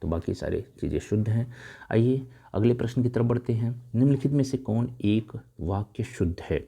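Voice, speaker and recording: Dark-voiced male tutor. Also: mid-range voice, animated, gravelly, slightly rough. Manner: reads options slowly, then explains corrections briskly; addresses viewers as dear friends. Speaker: Hindi exam tutor. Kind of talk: exam answer walkthrough.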